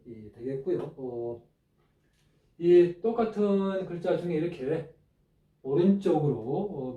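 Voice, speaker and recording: A man teaching a script lesson, explaining each stroke step by step in a halting way with many fillers. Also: fairly high pitch, dark tone, highs cut off. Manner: halting, many fillers, pointing through steps. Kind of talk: spoken lecture explaining script on a board. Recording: distant mic, echoey room.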